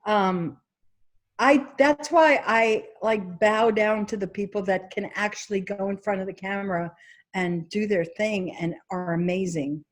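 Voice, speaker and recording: A woman's voice: mid-range voice, steady tone, unhurried. A woman casting director with a New York accent, originally from Egypt, chatting animatedly in an interview and often quoting herself. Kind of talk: casual interview chat.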